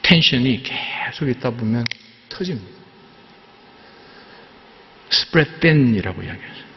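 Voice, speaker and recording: A male pastor preaching a sermon in a church sanctuary, animated, with emphatic exclamations. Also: mid-range voice, unhurried, gravelly, a little hiss or hum. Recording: echoey hall, dull sound.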